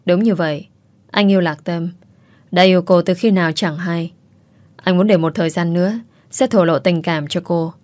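Low-voiced woman narrating a story. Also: no room sound. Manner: steady, measured reading.

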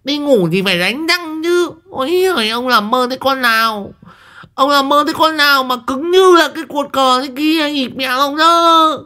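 A man voicing a crude, angry middle-aged wife in a shrieking falsetto, in a spoken ghost story. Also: moderate pace, pushed and bright, full character voice. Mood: furious scolding.

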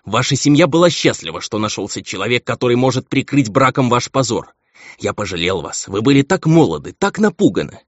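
A man's voice: mid-range voice, sing-song, fairly quick, no room sound, voice pushed up. A man voicing a pompous, contemptuous baron and cruel husband, on a dull, lo-fi recording.

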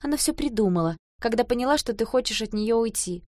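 A woman's voice: on the high side, animated, fast talker, darkish tone, dry recording, voice pushed up, natural voice. Woman doing a young sister, anxious, earnest, raised pleading voice, dry close sound, audiobook. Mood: urgent, anxious.

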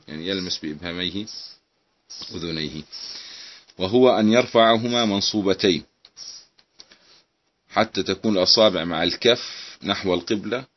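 Fast, low-voiced man teaching a class. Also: dull audio, slight background noise. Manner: reads text aloud then explains, checks with students. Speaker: Islamic jurisprudence teacher. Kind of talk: classroom lecture explaining a legal text.

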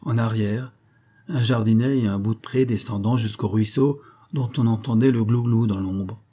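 A man reading a classic novel aloud in steady, measured audiobook narration. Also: fairly low pitch, slightly rough.

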